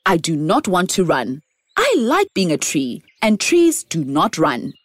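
A woman's voice: fairly low pitch, wildly swooping pitch, a little slow, no echo, heavily acted. A woman voicing a cheerful, contented male oak tree in a storybook, sing-song and upbeat.

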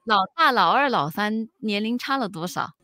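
A woman's voice: mid-range voice, expressive, moderate pace, sharp tone, no echo, clean studio sound. A woman host, asking chatty, affirming questions in an interview.

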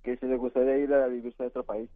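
A man's voice: medium pitch, flat delivery, fast, no echo. A man calling into a radio show, shy with brief answers. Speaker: caller, nurse. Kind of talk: phone call to radio show. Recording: tinny phone line, dry.

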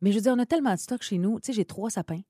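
Chatty Québécoise radio co-host. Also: female voice, medium pitch, racing, husky, dry recording, studio quality. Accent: Quebec French. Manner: lively, chatty, laughs often. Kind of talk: casual radio chat.

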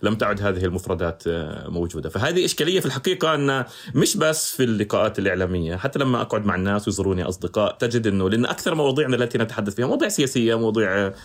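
A man's voice: lowish voice, lively intonation, racing. A man with a rural Palestinian Arabic accent from the Jerusalem and Ramallah area, talking reflectively as an interview guest and slipping into bookish, formal wording. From Palestine, villages near Jerusalem and Ramallah. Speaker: podcast guest.

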